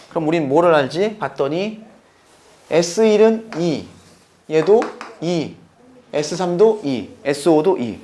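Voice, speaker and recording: A man teaching math, walking through the steps and constantly quizzing his students with quick questions. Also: fairly high pitch, a little mellow, a little hiss or hum. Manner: playful, talking to himself. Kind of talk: lecture.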